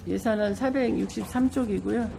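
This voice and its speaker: Gravelly woman with a stuffy, congested nose. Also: medium pitch, brisk, warm tone, a little hiss or hum. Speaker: council committee member asking questions. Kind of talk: formal questioning at a council meeting.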